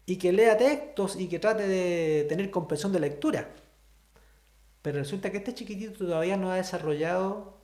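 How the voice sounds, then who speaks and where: A man teaches an online sign language class in a Chilean accent, high-pitched but darkish in tone, against a reverberant backdrop. He goes step by step and often checks in with his students.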